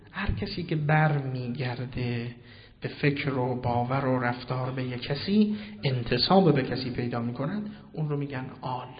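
Guy preaching a quran sermon, goes quiet then booms out, long hall echo, kinda muffled lo-fi audio. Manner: swings between hushed and loud, declaiming passages; asks and answers his own questions. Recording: reverberant hall, dull lo-fi sound.

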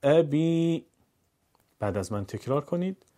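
Male Quran teacher, warm low-bright tone, patient lesson delivery, stretches syllables in drills. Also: expressive, slightly rough. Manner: stretches example syllables slowly and chants them. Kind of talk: recorded lesson, calm explaining with drawn-out drills.

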